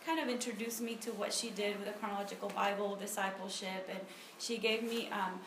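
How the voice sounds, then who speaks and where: A woman from Honduras, in her thirties, speaks a little fast in a mid-range, steady voice. Her personal testimony and prayer at a church ministry meeting are conversational, peppered with ums and restarts. The audio comes from a phone on a table in an echoey space with noticeable background noise.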